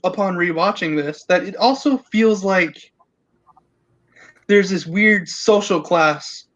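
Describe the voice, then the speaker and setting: A man with a distinctly high-pitched voice hosts a casual podcast discussion. He works through his thoughts out loud, restarting and rewording. The sound is slightly lo-fi and muffled. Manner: halting, repeats and rephrases as he thinks aloud. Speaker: podcast host.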